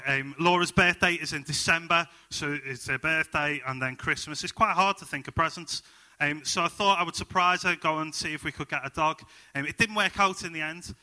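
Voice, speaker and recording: A young man with a Liverpool accent preaches in a fairly high, bright, forceful voice. His sermon is upbeat and jokey, packed with personal stories and plenty of ums.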